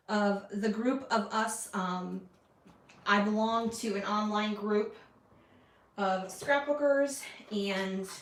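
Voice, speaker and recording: A woman's voice: mid-range voice, a bit bright. Woman chatting away while scrapbooking, rambly, sounds a bit far off in a roomy space. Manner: chatty and rambling, self-deprecating asides. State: hiccuping. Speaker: scrapbooking vlogger. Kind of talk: casual chat while crafting.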